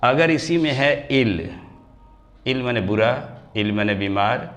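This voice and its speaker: A man teaching English grammar, his voice at an ordinary middle pitch for a man. He drags out example words slowly, syllable by syllable, and calls his students dear children. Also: animated, a bit bright. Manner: slows right down and stretches example words to spell them out. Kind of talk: classroom grammar lesson.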